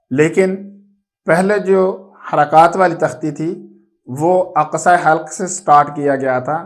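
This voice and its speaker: A man teaching Quran reading who chants letter drills slowly and then explains rules briskly in a Pakistani Urdu accent. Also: a little high. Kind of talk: slow drilled recitation lesson.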